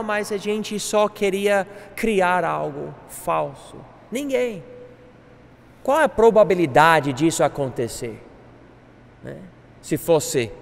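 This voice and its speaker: Man, Bible teacher, high voice, lively lecture, long hall reverb. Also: creaky. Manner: animated, acts out quoted speech. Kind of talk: classroom lecture.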